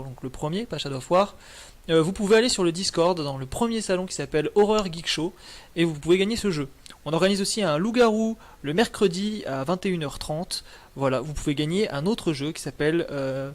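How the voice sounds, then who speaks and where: A young man wrapping up a live stream in casual chat, rambling with many fillers and restarts. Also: fairly high pitch.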